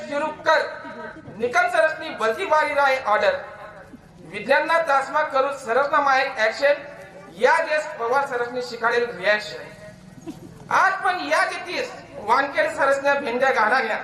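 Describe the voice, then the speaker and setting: A man with a Khandesh Ahirani accent recites his poems at a school gathering in a declamatory, emotional way, and he repeats lines for effect. His voice sits high, and the big hall around him echoes. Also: pushed and bright. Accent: Khandesh (Ahirani dialect). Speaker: alumnus reciting poetry at a school reunion. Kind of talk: dramatic poetry recitation.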